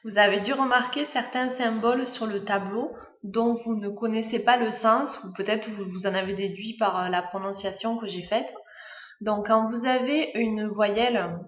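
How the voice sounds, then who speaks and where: A woman's voice: mid-range voice, reverberant. A French-speaking woman teaches a beginner English lesson, explaining each point step by step with frequent hesitations. Her voice sits in a middle register, and the recording sounds dull and lo-fi. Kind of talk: language lesson narration.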